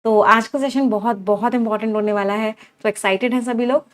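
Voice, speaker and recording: High-voiced woman teaching vocabulary. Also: steady tone, brisk. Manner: drills words aloud with repeated cues, asks students questions. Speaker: English teacher. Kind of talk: online vocabulary class.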